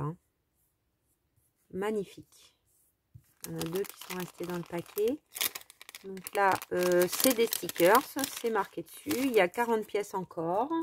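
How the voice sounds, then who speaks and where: Casting note: woman, mid-pitched, chatty haul vlogger, easily delighted, lots of fillers. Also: gravelly, a little mellow, a little hiss or hum. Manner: chatty, enthusiastic about small items, lots of fillers. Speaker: craft vlogger showing a haul. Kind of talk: casual haul vlog, showing items to camera.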